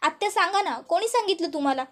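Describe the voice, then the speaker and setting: A woman voicing a patient young daughter-in-law who pleads calmly without raising her voice. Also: extremely high pitch, fast. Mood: pleading.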